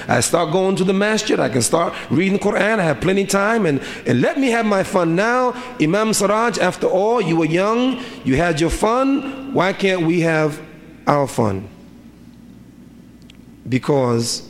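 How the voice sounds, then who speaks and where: Middle-aged imam giving a sermon, kinda high voice, repeats his questions, big echoey hall. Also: a little hiss or hum. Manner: rhythmic preaching with repeated rhetorical questions. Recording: reverberant hall, faint ambience.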